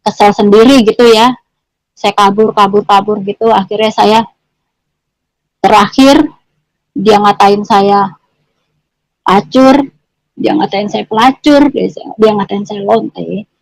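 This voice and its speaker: A woman's voice: mid-range voice, no echo, rough recording. A middle-aged woman tells her testimony in a casual, repetitive way, restating each phrase before moving on. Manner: repetitive, restates phrases, ends clauses with "gitu". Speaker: guest giving a testimony. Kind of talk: conversational testimony storytelling.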